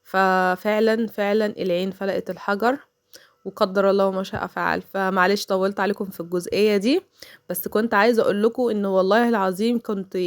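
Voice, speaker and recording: A woman's voice: mid-range voice, dry recording, clean studio sound. A woman in her thirties with an Egyptian accent, a mother chatting casually through a home cooking voice-over and telling stories sprinkled with religious phrases. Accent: Egyptian Arabic.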